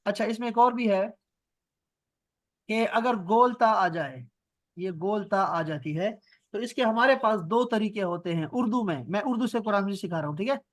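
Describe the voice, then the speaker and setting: A man with a Pakistani Urdu accent teaches an online class over a video call. His voice sits high and sounds dry and close to the mic. He repeats words patiently and checks in with his students often. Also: animated, no room sound. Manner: patient, repeats words slowly for students, asks "theek hai?". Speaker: Arabic and Quran grammar teacher.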